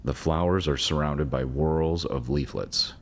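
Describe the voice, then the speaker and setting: The narrator of this educational nature video is a man whose voice is strikingly low and deep. His scripted commentary moves at an even pace, mostly informative with an occasional dry aside, and a slight hiss sits under the recording.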